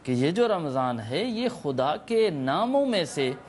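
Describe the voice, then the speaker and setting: A religious scholar giving a measured, explanatory talk as a guest on a live TV show, reciting Arabic quotations. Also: male voice, on the high side, very animated, slight background noise. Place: remote link from abroad.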